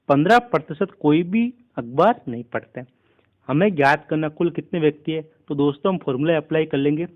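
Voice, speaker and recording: A man teaching a maths lesson for an exam, explaining each step slowly and steadily. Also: on the high side, dull audio. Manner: steady step-by-step explaining, keeps addressing listeners as friends.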